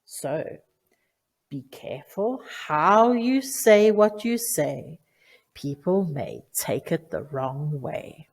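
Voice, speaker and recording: A woman teacher giving a clear, deliberate lesson to children, stressing key words. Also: on the low side, animated. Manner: clear, deliberate instructive delivery with emphatic stresses. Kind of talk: lesson for children on online manners.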